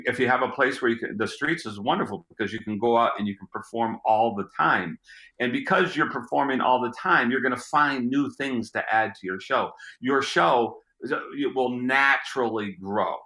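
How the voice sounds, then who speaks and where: In an interview, a middle-aged street magician with a gruff voice rambles, frequently repeating words mid-thought. His voice is on the low side and sharp-toned, and the recording is reverberant.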